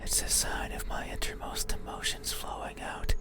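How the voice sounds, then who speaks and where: A performer voicing a lonely, eerie demon that yearns to be seen, in a halting, earnest whispered role-play. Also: close to an everyday voice. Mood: yearning, eerie. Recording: whisper over loud music.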